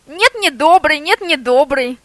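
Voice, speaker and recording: An eager young male sidekick dog yaps and repeats himself in short bursts, voiced by a woman. The voice is high and bright, the sound dry and close. It fits a storybook reading. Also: expressive, measured pace, no room sound, full character voice. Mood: yapping.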